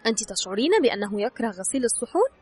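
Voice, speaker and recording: A woman's voice: on the high side, expressive, rapid-fire, darkish tone, slightly rough, no echo, faint music behind. A woman narrating an advice book in a scripted reading, giving instructions straight to the listener. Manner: instructive, addresses the listener directly. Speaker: audiobook narrator.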